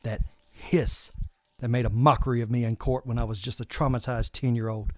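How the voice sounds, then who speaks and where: A man's voice: medium pitch, steady tone, a little fast, a little mellow, no echo. A man reading a scripted first-person horror story in an intense, confessional way, swearing often.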